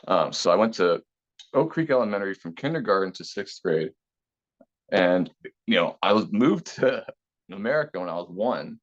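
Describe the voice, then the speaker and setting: A man's voice: low voice, normal speed. A man in his thirties, originally from Taiwan, talking casually and at length as an interview guest, with many fillers. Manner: relaxed, rambling, many fillers. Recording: slightly dull lo-fi sound.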